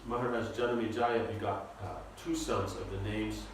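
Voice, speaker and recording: Teaching scripture in a seminar, a man talks informally and haltingly, repeating words and asking the audience to follow. His steady voice sits on the low side, picked up from a distance in an echoey room with slight hiss or hum.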